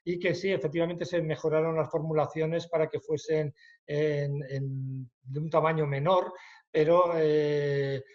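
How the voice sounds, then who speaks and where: A man's voice: fairly high pitch, little pitch movement, a little mellow. Hesitant Spanish-accented man, muffled sound. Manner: hesitant, many fillers, then quick explanations. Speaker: medical expert answering questions. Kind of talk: webinar Q&A.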